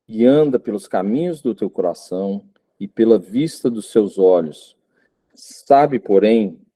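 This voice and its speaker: Low-pitched guy preaching, halting, lots of ums and restarts. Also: dark tone. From Goiânia, Brazil. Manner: hesitant, many fillers and restarts. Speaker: visiting preacher. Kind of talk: informal sermon.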